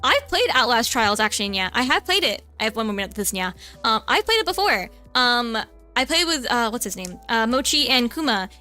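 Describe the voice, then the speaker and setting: Streaming a game as a VTuber, this woman chats casually in a flustered, talkative way and adds a cute "nya" to her lines. Her high voice sounds pushed, bright and smooth.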